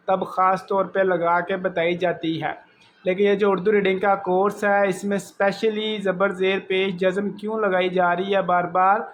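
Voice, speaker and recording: Man, high and even-toned, as a patient reading teacher for kids, spelling words syllable by syllable. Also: slight background noise. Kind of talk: spelled-out reading lesson for children.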